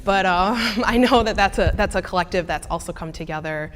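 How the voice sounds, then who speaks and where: In a lecture hall with noticeable echo, a student presenter takes questions from the audience once her talk is over. She's a young adult woman with a Midwestern American accent, and she talks fairly quickly in a fairly low voice, casually, stumbling through lots of fillers and restarts. There is slight background noise.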